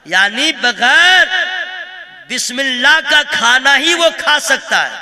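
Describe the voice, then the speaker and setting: Male preacher, joking sermon at a gathering, slow deliberate delivery, very high pitch. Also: lively intonation, pushed and bright. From Kolkata, India. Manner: joking, teasing the audience; chants verses in a slow melody. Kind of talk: humorous sermon. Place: religious gathering with a pulpit.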